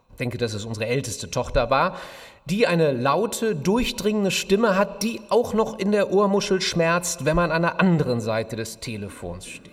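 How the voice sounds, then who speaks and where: Slow, measured male preacher in echoing church. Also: on the high side. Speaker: pastor. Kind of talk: sermon. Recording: long church reverb.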